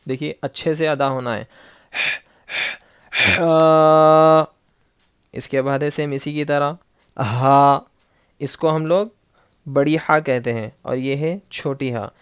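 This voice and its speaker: A man teaching Quran recitation in an online lesson. He holds each letter sound slowly and patiently, then explains it in quick asides. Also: on the high side, steady tone, fairly bright tone, clear, resonant tone, no room sound. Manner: patient, instructive. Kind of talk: online Noorani Qaida lesson.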